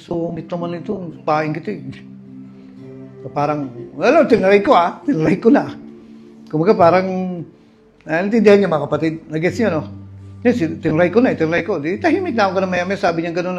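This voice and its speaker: A man with a Filipino accent preaching a sermon, telling personal stories in an animated way and addressing his listeners as brothers and sisters. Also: high-pitched, a little fast, soft background music. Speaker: pastor.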